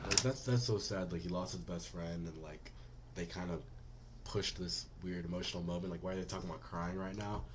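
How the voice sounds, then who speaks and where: A man's voice: low-pitched, steady tone, fairly quick, crowd noise. A young man giving casual reaction commentary, blunt and mocking, swearing freely.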